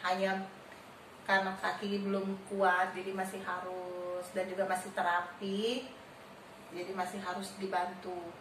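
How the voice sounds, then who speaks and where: A woman gives a personal faith testimony in a steady, matter-of-fact tone, her pitch staying level. The room echoes around her. The mic is some distance away. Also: measured pace, background noise. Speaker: wife giving testimony.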